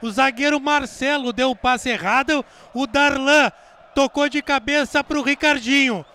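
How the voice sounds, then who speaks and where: Very high, bright southern Brazilian male reporter. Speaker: pitch-side football reporter. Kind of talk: live football match report. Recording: outdoor city and traffic noise.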